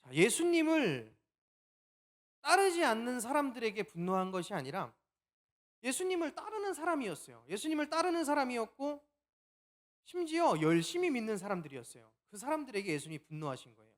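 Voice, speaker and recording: Lively man preaching with animated pitch. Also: brisk. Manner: lively storytelling, acts out quoted lines. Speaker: pastor. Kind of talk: sermon.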